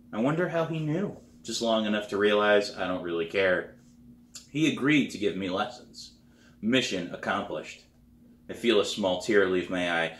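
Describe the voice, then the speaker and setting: A man reading his own novel aloud, narrating in a plain, steady way. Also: lowish voice, echoey room. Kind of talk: storybook read-aloud.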